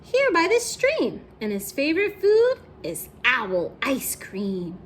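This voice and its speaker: A woman's voice: high-pitched, huge pitch swings, slow, exaggerated voice. A woman voicing a small, clever storybook mouse with sing-song, exaggerated politeness and a teasing manner. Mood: boastful, teasing. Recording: faint background noise.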